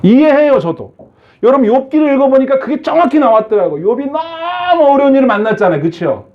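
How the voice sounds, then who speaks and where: A man's voice: very high-pitched, very animated, fast, lo-fi sound. A male pastor preaching a sermon, asking his congregation many questions and acting out the voices he quotes.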